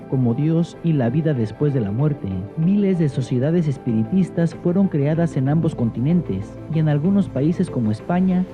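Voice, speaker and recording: A man reading scripted educational narration in a steady, formal way. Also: fairly high pitch. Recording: dull, muffled lo-fi audio. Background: faint background music.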